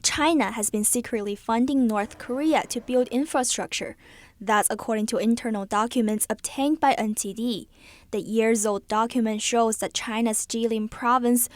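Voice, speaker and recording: Female reporter, scripted news voice-over, on the high side, no room echo.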